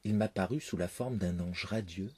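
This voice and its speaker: A man reading a fairy tale aloud, expressive in his first-person telling. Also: deep voice, normal speed, slightly rough. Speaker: narrator. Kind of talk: storybook reading.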